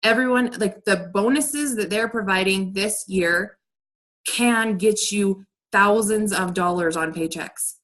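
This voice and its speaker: A woman's voice: mid-range voice, a little slow, fairly bright tone. A woman leading a team training over a video call, talking in a direct, upbeat coaching way. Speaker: team leader.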